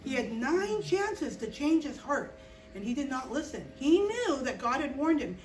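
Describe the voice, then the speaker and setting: High-voiced woman telling a lively classroom story. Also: unhurried. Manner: lively, acts out the story with gestures, checks in with "okay?". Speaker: children's chapel teacher. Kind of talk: animated Bible storytelling for children. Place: small indoor classroom. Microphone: far camera, no visible mic. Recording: roomy echo, distant camera.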